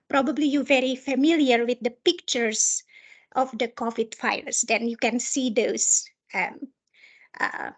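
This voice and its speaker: A woman with a distinctly high voice and an Indonesian accent presents training material. She speaks as an instructor going through slides, often halting to search for the right word.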